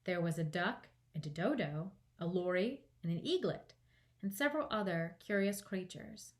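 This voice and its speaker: A woman reading a children's audiobook aloud as a storytime librarian, in an expressive narrating style. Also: lowish voice, normal speed.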